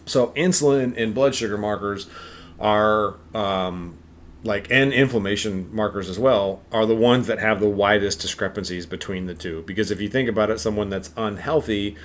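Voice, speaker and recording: A man's voice: fairly low pitch, normal speed. A man co-hosting a health podcast, explaining in a rambling, casual way with lots of fillers. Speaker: podcast co-host.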